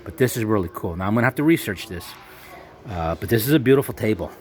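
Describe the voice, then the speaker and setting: A man vlogging casually from inside a resale store, excitable and chatty, talking to his viewers as folks. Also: fairly low pitch, quick pace. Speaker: vlogger touring a thrift store. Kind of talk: casual vlog narration.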